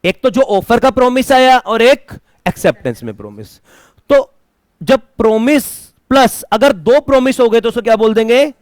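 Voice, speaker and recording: A man's voice: very high voice, animated, normal speed, dry recording. A man teaching a classroom lecture, asking students questions and mixing English terms into his talk. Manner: mixes Hindi with English terms.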